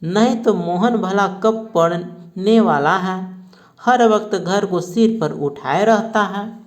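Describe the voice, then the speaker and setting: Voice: mid-range voice, takes it slowly, natural voice. A reader voicing a worried mother who frets anxiously over her sick son, in a school reading of a play. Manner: anxious, fretting.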